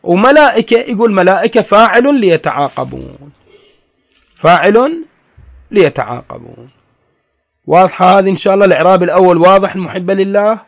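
A man's voice: high voice, animated, a little fast, vocal fry, pauses often, muffled recording. A man teaching grammar, patiently explaining and repeating key terms to his students. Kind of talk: classroom lecture on grammar.

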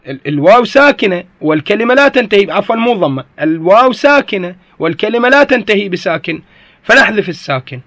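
A man's voice: high voice, a bit bright, dry recording. A man with an Iraqi Arabic accent teaching a grammar lesson, explaining step by step and often asking whether his students follow.

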